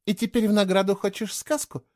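Man putting on a cool young woman, high and dry, lots of lilt, speaking short and mocking. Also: sing-song, moderate pace, mellow, dry recording. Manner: curt, mocking, matter-of-fact. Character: brisk cool-headed young woman traveler.

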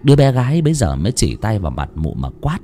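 A man narrating a folk tale in an expressive way. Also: on the low side, quick pace. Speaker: storyteller. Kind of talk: dramatic story narration.

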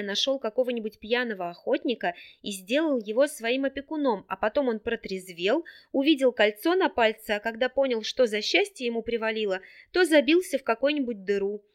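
A woman's voice: a little high, natural voice. A woman voicing a naive, tearful young girl who pleads breathlessly in an audiobook.

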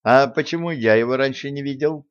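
A man reading an audiobook voices a quick-witted young man, a royal gossip, with a wry, bargaining manner, on a dull lo-fi recording. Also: mid-range voice, sing-song. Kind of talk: audiobook character voicing.

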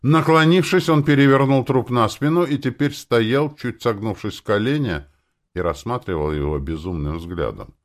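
A man narrating a dark first-person story in an expressive dramatic reading. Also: moderate pace. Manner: expressive, with lively pitch swings.

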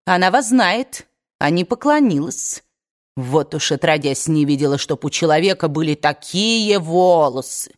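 A nosy, pious old nanny grumbles in folksy speech, as a woman narrator puts her on. Her voice leaps sharply higher when she is indignant, in a storybook reading. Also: lively intonation, unhurried. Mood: suspicious.

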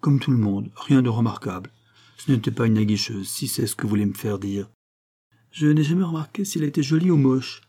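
A man's voice: mid-range voice, a little fast, dark tone, close to an everyday voice. A man voicing a frank, plain-spoken young country woman. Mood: guarded.

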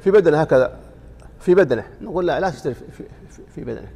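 A man's voice: fairly high pitch, animated, very fast, gravelly, warm tone, long reverb tail, muffled recording. A man teaching a religious lesson, explaining a text and quizzing listeners with rhetorical questions, sometimes chanting sample lines to demonstrate. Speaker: sheikh teaching a fiqh lesson.

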